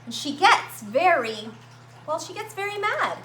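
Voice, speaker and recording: Reading expressively to little kids at a library story time, this high-voiced woman is full of animation, drawing out words dramatically and tossing in simple asides. The recording has a roomy echo and some faint background noise.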